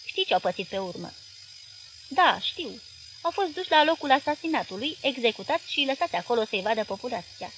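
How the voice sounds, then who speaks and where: An eager, jittery young man talks quickly about the news, as a woman narrator voices him. The voice is a little high, and a faint background hiss runs under the audiobook reading. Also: very animated, fairly bright tone. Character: excitable young man listening to the radio.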